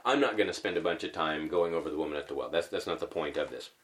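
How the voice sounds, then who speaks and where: A man's voice: extremely low pitch, quick pace, a bit bright. A man giving a conversational sermon, posing rhetorical questions and thinking aloud with fillers as he teaches. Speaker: preacher.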